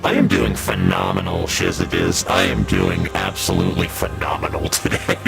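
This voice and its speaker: A man talking through a voice-changer filter that makes him sound deep and gravelly, dubbing game dialogue aloud in a slow, grave way. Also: very animated, heavily acted. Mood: cheerful. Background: game music.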